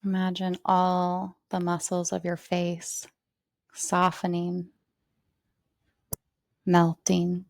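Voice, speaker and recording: A woman yoga teacher leading a guided relaxation, with slow, soothing, spacious phrasing. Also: fairly low pitch, completely flat delivery, no echo, studio quality.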